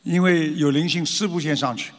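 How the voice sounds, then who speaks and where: A man's voice: fairly high pitch, brisk. A man giving a lecture to followers, asking rhetorical questions and acting out frightened voices. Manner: animated, acts out scared voices and rhetorical questions. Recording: long hall reverb.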